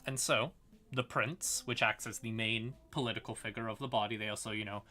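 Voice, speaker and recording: On an informal livestream, a man explains fantasy lore in a halting, wry way, tossing casual asides to his chat. His voice is lowish, with a steady, sharp tone.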